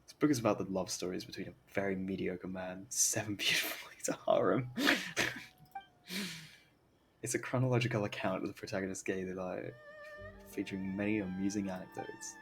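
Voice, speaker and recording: Gravelly and low, this young man's voice stays fairly even in intonation and runs fairly quick. He's doing slangy, jokey, rambling commentary on a live game stream, reading aloud and reacting, with game music behind him.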